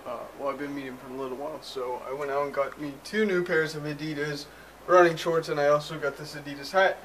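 In this casual vlog, a young man wanders a small spare bedroom, camera at arm's length, rambling chattily with lots of ums and uhs. His voice is a touch high for a man, fairly bright and fairly even, and he talks fast. Faint room ambience and a little hiss or hum come through in a low-quality recording.

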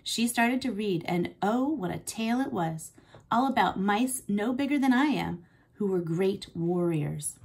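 A woman teacher reads a chapter book aloud with expressive storytelling. Her voice is husky and gravelly, at a middle pitch for a woman. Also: unhurried. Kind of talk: classroom read-aloud.

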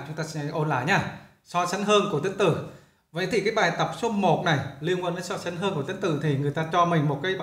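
A man talks through a lesson as a teacher, in a chatty, repetitive way. His voice sits a little high for a man. The recording has a roomy echo around it. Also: fairly bright tone. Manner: chatty, repeats himself while explaining. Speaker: English teacher. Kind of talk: casual classroom explanation.

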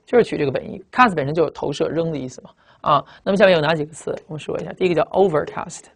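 A man teaching English vocabulary in a recorded lecture, explaining fast with lots of repetition and tag questions, speaking. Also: on the high side, vocal fry.

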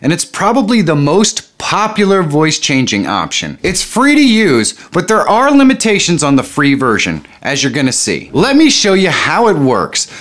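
A man talking through a voice changer that raises his pitch, hosting an upbeat tutorial walkthrough. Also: huge pitch swings, moderate pace, few pauses, fairly bright tone. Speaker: YouTube tutorial host.

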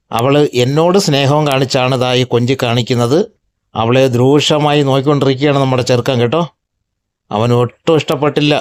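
A man's voice: fairly high pitch, darkish tone, no room sound. Chatty male pet vlog narrator. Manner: chatty, addresses viewers directly. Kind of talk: casual voice-over narration.

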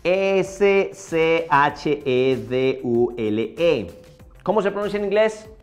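A man teaching English pronunciation, repeating each word slowly in drills. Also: a little high, expressive, soft background music. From Colombia. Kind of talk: pronunciation lesson.

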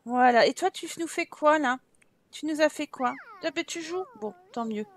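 A woman with a high voice hosts a let's-play of a life-simulation game, speaking at a moderate pace. Her commentary is casual, chatty, and teasing, and she exclaims at what happens in the game.

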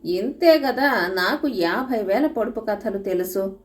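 A woman's voice: mid-range voice, lively intonation, measured pace, far from the mic, close to an everyday voice. A woman playing a bossy, confident old nursemaid. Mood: coaxing. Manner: coaxing, boastful. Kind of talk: storybook reading.

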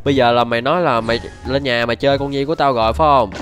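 A man's voice: medium pitch, steady tone, music in the background, pitched below the performer's own voice, natural voice. Young man putting on an angry old father. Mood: scolding. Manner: scolding, threatening, rapid. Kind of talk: prank voice chat during a mobile game. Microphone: game voice chat.

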